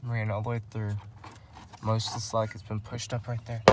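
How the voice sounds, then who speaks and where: A man gives a casual walkthrough of the CB radio in his parked truck, filming in and around it for his vlog. His voice is on the low side with flat delivery at a moderate pace, hesitant and rambling with frequent repeated phrases. The recording is handheld and noisy, with vehicle ambience.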